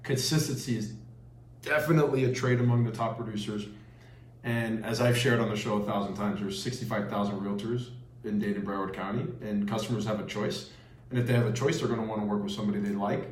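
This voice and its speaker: A man's voice: on the low side, steady tone, fast, a little hiss or hum. Man hosting an interview, echoey room. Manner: affirming, recaps answers back. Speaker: interview show host. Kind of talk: conversational interviewing.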